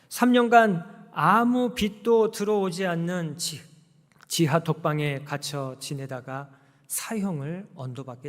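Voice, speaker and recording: A man preaching a sermon as pastor, telling a story with emphatic rises and acting out quoted prayers. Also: a little high. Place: church sanctuary. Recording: long church hall reverb.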